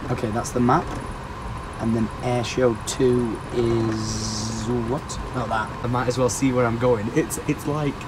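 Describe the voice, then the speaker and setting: A young man in his twenties, chatty and excitable, vlogging casually from his aircraft seat into a phone held at arm's length. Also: mid-range voice, measured pace, music in the background, poor audio. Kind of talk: casual travel vlog. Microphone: handheld phone at arm's length. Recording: loud engine and cabin noise.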